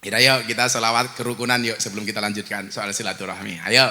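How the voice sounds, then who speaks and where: A man, preaching to a crowd in a loud, teasing, joking way. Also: fairly low pitch, level tone, fast talker. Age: 40s. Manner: loud, bantering, teasing the audience. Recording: long hall echo, faint noise.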